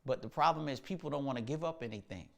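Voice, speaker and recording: A man's voice: mid-range voice, fast, creaky, fairly bright tone. Laid-back slangy male musician host. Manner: laid-back, slangy, thinks aloud with many fillers. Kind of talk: casual livestream talk.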